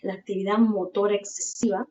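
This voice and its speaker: A woman with a Peruvian Spanish accent giving an explanatory lecture as a teacher, pausing often to check with "¿no?" and using fillers. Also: mid-range voice, little pitch movement, mellow. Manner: explains slowly with many "¿no?" tags and fillers. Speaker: teacher presenting a class talk. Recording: echoey room, far from mic, dull lo-fi sound with faint noise.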